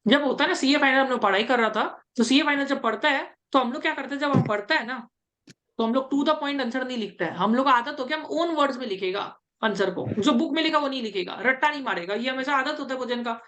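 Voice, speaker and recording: A woman's voice: high voice, fast talker, a bit bright. A woman interview coach giving casual, repetitive advice and mixing English terms into her speech.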